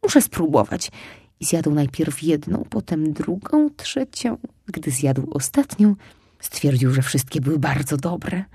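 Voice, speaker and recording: A woman reading a children's story aloud in a lively, soft, expressive way, sometimes whispering. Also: sits low, measured pace, breathy edge, dry recording, clean studio sound.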